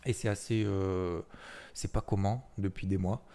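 In an unhurried, mellow voice that sits low with fairly even intonation, a man chats casually through a weekly market recap he hosts. He uses many fillers, repeats words and restarts sentences often.

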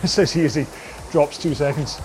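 A man coaching an indoor rowing workout, giving slow, measured cues about posture and pace. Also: on the high side, noisy background.

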